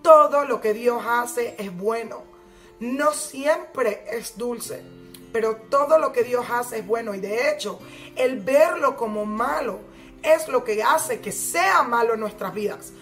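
Una mujer que da una clase religiosa semanal para mujeres, con tono serio y explicativo, y que enfatiza las citas que relata. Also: female voice, on the high side, takes it slowly, a bit bright, soft background music. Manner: earnest, explanatory, leans into quoted lines. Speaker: Torah teacher for women. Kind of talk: weekly religious lesson.

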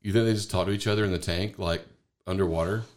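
A man's voice: deep voice, steady tone, fast, a little mellow. A man co-hosting a casual family podcast with his child, playful and full of prompting questions. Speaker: podcast co-host and parent.

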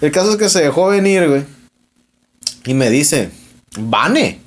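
A man's voice: on the high side, a little slow. Foul-mouthed Mexican man telling a story. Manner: profane, slangy, animated retelling with quoted dialogue. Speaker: podcast host. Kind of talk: casual storytelling chat.

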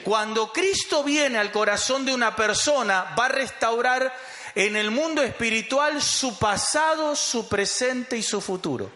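A man's voice: extremely high pitch, expressive, unhurried, pushed and bright, echoey room. A man preaching a sermon as pastor, emphatic and calling the congregation to repeat after him.

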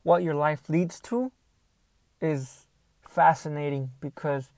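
Creaky young man rambling into earbuds mic. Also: fairly high pitch, steady tone, slow, no room sound. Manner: unscripted, hesitant, thinking out loud. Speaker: podcaster. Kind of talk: casual rambling solo podcast monologue. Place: inside a car.

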